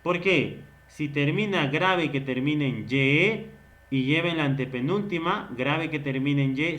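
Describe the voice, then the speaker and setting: A man's voice: a little high, a bit bright. A man teaching a grammar lesson. He asks questions and then answers them himself. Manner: slow, stretched-out explaining.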